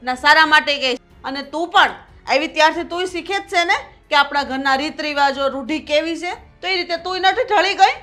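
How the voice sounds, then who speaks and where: A woman's voice: high-pitched, moderate pace, a bit bright, soft background music. A woman playing a bossy, scolding mother-in-law. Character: domineering proud mother-in-law, strict and scolding. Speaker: actor in a short film. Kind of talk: family drama acting.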